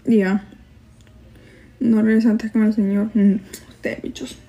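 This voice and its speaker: A woman's voice: medium pitch, flat delivery, takes it slowly, dark tone, highs cut off. Chatty Salvadoran woman streaming live. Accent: Salvadoran Spanish with some Mexican. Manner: chatty, gossipy, laughs easily; reads viewer comments aloud. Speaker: livestream host. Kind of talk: casual live-stream chat.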